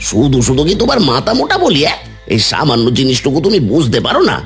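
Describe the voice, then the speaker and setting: Cartoon: male actor as a smug village schemer, bossy and teasing, swinging pitch. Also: huge pitch swings, quick pace, gravelly, soft background music. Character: scheming, smug village husband, jealous of neighbors.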